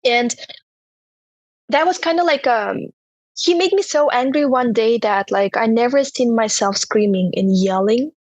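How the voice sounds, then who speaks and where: Her pitch fairly high and slightly mellow, a young woman from Turkmenistan recounts her own story in an interview, speaking with a Turkmen accent. She stumbles along hesitantly, filling pauses with "you know," in a dry recording.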